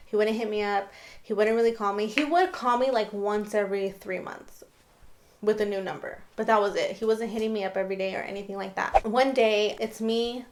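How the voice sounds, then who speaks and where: A young woman telling a personal dating story to her viewers in a casual, emphatic storytime style. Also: mid-range voice. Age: young adult. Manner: chatty and emphatic, often addressing viewers. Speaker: storytime vlogger.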